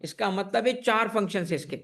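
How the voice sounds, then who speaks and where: A man's voice: sits high, fairly quick, vocal fry, fairly bright tone. Man teaching a tax class, quizzing his students. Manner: quizzes students, answers his own questions; calls students "beta" fondly. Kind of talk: exam-prep lecture. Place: classroom also streamed online.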